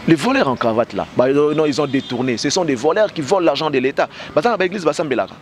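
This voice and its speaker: Outdoors on a street next to parked cars, a man in his thirties with a Congolese French accent and a cold is interviewed via a handheld mic with a fur windscreen held by the interviewer. His fairly high, expressive voice moves quickly over slight background noise, passionate and emphatic, with gestures and many "bah" fillers.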